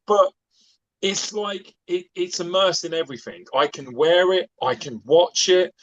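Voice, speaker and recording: A man's voice: high-pitched, a little slow, a bit bright, no room sound, highs cut off. A man in his forties chatting on a podcast as a guest, rambling and enthusiastic, with plenty of fillers. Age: 40s. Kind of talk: casual chat.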